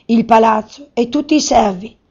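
Woman as an earnest young man, steady, storybook, slightly muffled. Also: fairly high pitch, moderate pace, gravelly, breathy edge.

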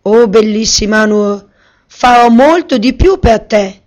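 A woman voicing a scheming old wizard disguised as a beggar, loud and drawn-out when he commands. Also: a little high, lively intonation. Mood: wheedling. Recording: slightly muffled recording.

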